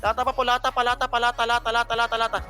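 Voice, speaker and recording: A man from the Philippines calling out commands to his team during a game, repeating each urgent call in rapid bursts. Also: very high-pitched, monotone, music in the background. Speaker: team shot-caller. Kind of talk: fast repetitive in-game callouts.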